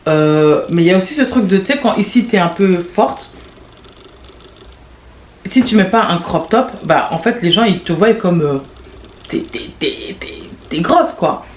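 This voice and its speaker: A woman in her late twenties hosting a podcast, talking in a rambling, confessional way with quick restarts and laughs. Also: lowish voice, lively intonation. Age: late 20s. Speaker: podcast host. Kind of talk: casual confessional monologue. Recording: echoey room with faint background noise.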